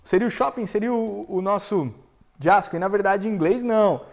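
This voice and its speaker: A man with a Brazilian Portuguese accent teaching English on a live stream, quizzing viewers and repeating example sentences slowly. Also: high voice, creaky, darkish tone. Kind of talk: live-streamed language lesson. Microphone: camera setup for a live stream.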